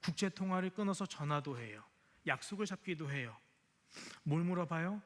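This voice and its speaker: Middle-aged male pastor, slightly raised pitch, emotional testimony sermon with acted-out dialogue and whispered moments. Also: animated, normal speed. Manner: emotional storytelling, acting out dialogue, dropping to whispers at tender moments.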